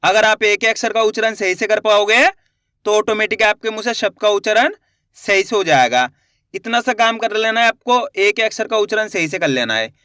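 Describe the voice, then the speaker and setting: Bright high-voiced male teacher. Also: animated, clean tone, no echo, clean studio sound. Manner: slow drawn-out syllables, asks learners to repeat. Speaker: Hindi reading teacher. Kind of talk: spoken lesson.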